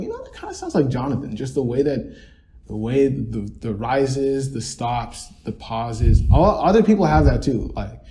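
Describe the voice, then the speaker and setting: A young man talks through his thoughts on a casual podcast, his voice mellow and mid-pitched. He rambles and circles back, stacking "like" and restarting sentences as he goes. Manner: rambling, many fillers and restarts. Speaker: podcast co-host. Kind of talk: casual reflective chat.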